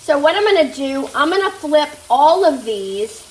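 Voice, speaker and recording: Her voice is high, with big pitch swings and a moderate pace, and slightly nasal as she gets over a fever. This cooking vlogger talks chattily to her "guys" while cooking at home, a skillet of meat sizzling beside her. The echoey kitchen and a somewhat distant mic color the sound.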